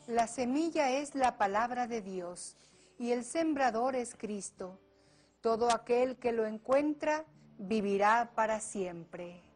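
A woman's voice: a little high, slow, a little mellow, soft background music. A woman reciting a psalm as a lector at Mass.

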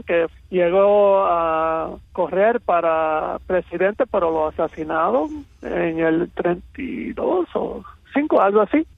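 A man from Miami with an American accent in his Cuban-rooted Spanish, telling personal stories as an interview guest, halting and slipping in English words. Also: high voice, vocal fry, no echo, phone-quality sound. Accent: American-accented Spanish with Cuban roots. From Miami, United States.

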